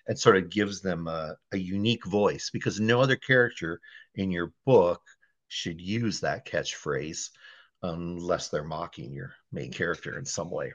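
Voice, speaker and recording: A man from Wisconsin, a guest editor and author, explaining writing craft in a relaxed conversational interview and often checking in with "right?". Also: low voice, moderate pace, no room sound. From Wisconsin, USA.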